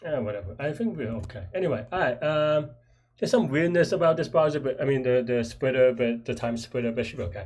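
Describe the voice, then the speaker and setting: A man's voice: medium pitch, lively intonation, fast talker, darkish tone. A man casually thinking aloud as he solves a programming puzzle, speaking in hesitant, muttered fragments while typing. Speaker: programmer host live-solving a puzzle. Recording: faint noise, keyboard typing and clicks.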